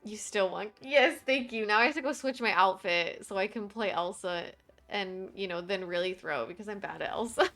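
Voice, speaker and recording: A young woman livestreaming a game, chatting casually and excitably, quick to giggle and squeal. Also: medium pitch, faint music behind. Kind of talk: casual gameplay commentary.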